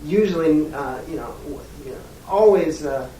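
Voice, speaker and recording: A teacher demonstrates a phone call to a parent, role-playing a polite, diplomatic schoolteacher in a warm, natural, mid-pitched voice with lively intonation and an encouraging mood. Speech comes carefully and haltingly, measured and diplomatic, broken by frequent pauses. Recorded from a distance in an echoey room, it carries faint noise.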